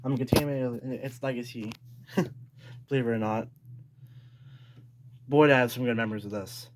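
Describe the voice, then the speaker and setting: This medium-pitched man, talking at a moderate pace, gives an unscripted tour of his weather radio collection. He rambles, retraces his steps and repeats points, and the home recording is noisy with clicks.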